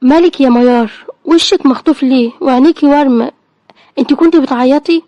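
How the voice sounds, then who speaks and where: A woman with an Egyptian Arabic accent voicing a caring, practical neighbor who talks briskly and reassuringly. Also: high voice, dark tone, dry recording, lo-fi sound, close to an everyday voice. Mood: concerned.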